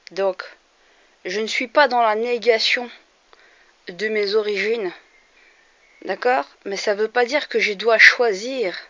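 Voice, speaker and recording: On a slightly dull lo-fi recording with no echo, a woman's voice sits on the high side and sounds a bit bright. She's a vlogger from France in her forties, speaking to camera in an earnest, increasingly heated and emphatic opinion monologue, often hesitating.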